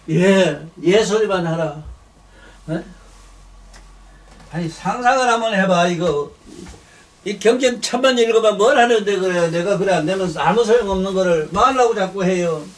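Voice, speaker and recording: Animated and moderately paced, an older man preaches a sermon in a voice pitched high for a man. He curses, rants bluntly, and keeps repeating the same words, sounding far from the mic.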